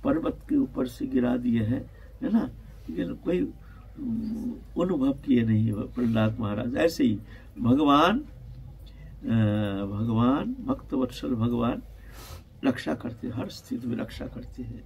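A man, a spiritual teacher, giving an animated storytelling sermon in which he acts out the scenes. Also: medium pitch, slow, vocal fry, slightly rough, lo-fi sound.

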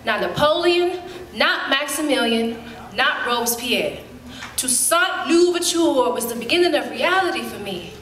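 A woman performing a dramatic stage monologue as a spirited woman recalling her girlhood, telling it in lively, colloquial speech with sudden jumps in pitch. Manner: lively storytelling, colloquial, with quick leaps up in pitch. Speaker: stage actor. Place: theater stage. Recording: roomy hall.

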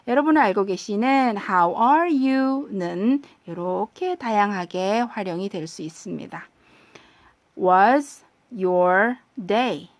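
A woman teaches an English lesson at a very unhurried pace, saying each practice phrase over and over. Her patient voice sits at a mid pitch. The recording is close and dry, with no room sound. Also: lively intonation, dry recording.

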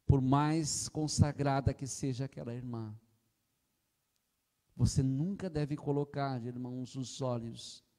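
A man's voice: mid-range voice, darkish tone. An older man with a Brazilian Portuguese accent preaching an impassioned sermon into a handheld mic on a church platform, often calling out to the congregation and retelling anecdotes. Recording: long hall reverb.

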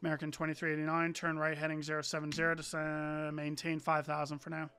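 A man's voice: a little high, completely flat delivery, fast talker, bright, forceful tone. A young man acting as an air traffic controller, giving clipped, procedural radio instructions for a flight simulator.

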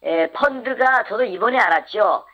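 An interviewee in their fifties speaks through an electronic voice changer that disguises who they are. The speech is hesitant and halting, with many restarts. The altered voice comes through dull and lo-fi, at a middle pitch. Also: expressive. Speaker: interviewed investment fraud victim. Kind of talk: anonymous radio interview.

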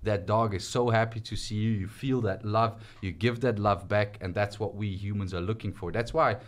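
A man's voice: lowish voice, moderate pace. A young man from Switzerland, telling his story casually as a guest in a small podcast studio. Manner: relaxed, chatty storytelling with gestures. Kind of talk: casual interview conversation. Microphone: studio mic on stand.

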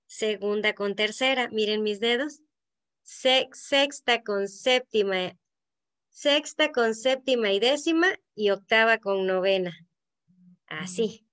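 A woman's voice: a little high, a bit bright. Veracruz Mexican woman teaching a poetry workshop. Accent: Veracruz Mexican Spanish. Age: middle-aged. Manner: explanatory, asks the group to check in with frequent "¿no?". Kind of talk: online workshop lesson. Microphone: video call.

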